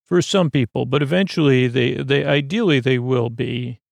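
A man hosting a sleep podcast, talking slowly in a meandering, self-interrupting bedtime monologue with a creaky voice. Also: mid-range voice, no room sound. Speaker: podcast host.

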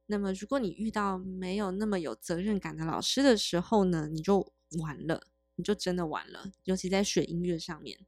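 A woman from Taiwan, chatting casually, tossing in quick witty remarks and thoughtful explanations. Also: lowish voice, darkish tone, dry recording, faint music behind. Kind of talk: casual chat.

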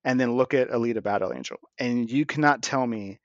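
A man's voice: medium pitch, fairly quick, dry recording, lo-fi sound. A man with a lisp from his braces, co-hosting a casual film review podcast in an opinionated, loosely profane way. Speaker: podcast co-host.

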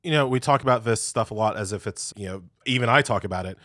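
A man's voice: lowish voice, quick pace, a bit bright, no room sound, clean studio sound. A male interview host asking careful questions, rephrasing as he goes.

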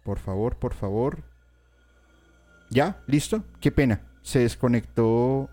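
A man's voice: medium pitch, takes it slowly, mellow. A man, chatting live to his viewers as he comments on a mystery story and speaks to them directly. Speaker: streamer.

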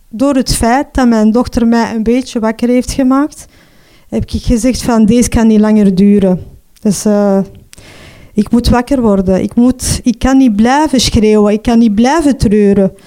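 A middle-aged woman with a Flemish accent gives a personal testimony in a mellow, slightly high voice. Her speech is halting and emotional, full of restarts and little tag words. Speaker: mother telling her own story.

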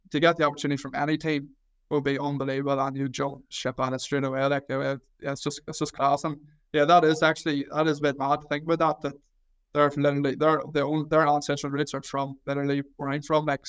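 Interviewed casually about trying out as an American football kicker, a Gaelic football goalkeeper in his twenties speaks quickly in a smooth, slightly high voice with a County Down, Northern Irish accent. His melody stays fairly flat, and he's modest and hesitant, frequently restarting and repeating words.

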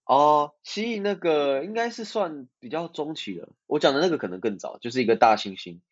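A man's voice: on the high side, expressive, fairly quick, no room sound, lo-fi sound. A man with a Taiwanese accent chatting casually as a podcast co-host. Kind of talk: casual chat.

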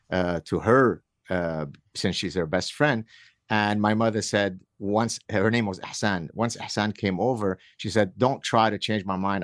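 Middle-aged male guest from Lebanon, low voice, wry storyteller, dry close mic. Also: fairly bright tone, no echo. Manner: earnest, wry storyteller with frequent restarts. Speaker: author and guest. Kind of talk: conversational storytelling.

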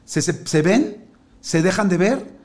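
A man's voice: sits high, lively intonation, measured pace, darkish tone. A man, chatting casually and telling a rambling story full of fillers. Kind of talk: casual chat.

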